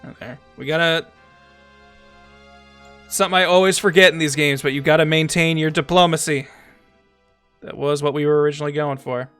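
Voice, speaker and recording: A man streaming a strategy game, chatting casually, thinking aloud, talking to his chat, and sometimes reading game text aloud slowly. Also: fairly high pitch, steady tone, a bit bright, clean tone, soft background music. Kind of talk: casual gameplay commentary.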